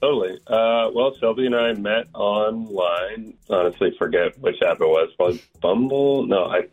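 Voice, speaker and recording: Man, caller, rambling and hesitant, lowish voice, phone line sound. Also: moderate pace, faint music behind. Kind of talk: phone call to a radio show. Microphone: telephone.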